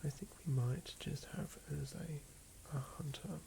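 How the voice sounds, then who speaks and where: A man's voice: a little high, unhurried, creaky, dark tone. A man with an Australian accent whispering in a musing, rambling ASMR style as he builds a game character. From southern Australia. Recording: noisy ambient background.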